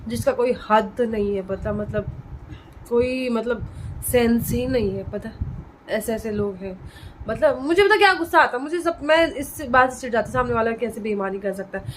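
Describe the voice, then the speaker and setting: A woman in her thirties speaks in a casual vlog, her voice sitting a little high. She tells her story with heated indignation. Faint ambient noise hums behind her. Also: animated, normal speed, low-quality recording. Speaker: vlogger and parent.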